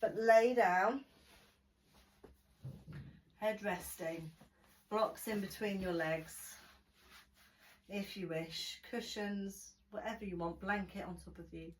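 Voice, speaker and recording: A woman leading a gentle prenatal yoga class, guiding slowly and soothingly, at times dropping almost to a whisper. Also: mid-range voice. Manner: slow, soothing instruction, softening to near whisper. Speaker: yoga teacher. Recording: voice from a distance off the mic.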